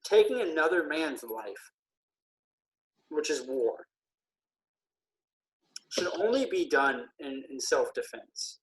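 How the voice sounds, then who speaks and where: A man who is feeling ill, a military veteran speaking earnestly and haltingly with many pauses in a casual podcast conversation. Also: a little high, very animated, low-quality recording.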